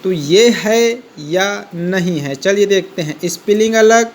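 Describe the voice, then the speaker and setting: A male teacher giving a vocabulary lesson, explaining slowly, repeating each word and spelling it out letter by letter. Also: high-pitched, slight background noise.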